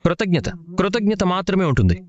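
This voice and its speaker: A man's voice: high voice, sing-song, normal speed, highs cut off, very noisy. An actor playing a talkative, theatrical young man who speaks in grand, long-winded phrases. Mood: grandiose. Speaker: actor in a TV serial. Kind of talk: TV serial acting.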